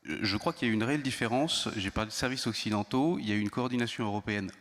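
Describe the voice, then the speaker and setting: A man speaking on a conference round-table panel, measured and hesitant, with frequent pauses and restarts. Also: lowish voice, a bit bright. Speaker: intelligence service panelist. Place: conference hall. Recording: long hall reverb.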